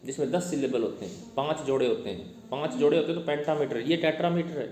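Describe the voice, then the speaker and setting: A male teacher giving a classroom lecture: he reads English text slowly, explains it in Hindi, and quizzes his students as he goes. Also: a little high, darkish tone. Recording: echoey room with long reverb.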